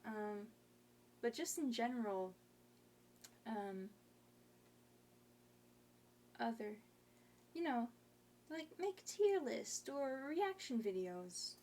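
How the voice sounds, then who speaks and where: A woman's voice: a little high, very animated, slow pace, pauses often, a little mellow, slight background noise. A young woman streamer in casual chat, rambling and hesitant with lots of fillers.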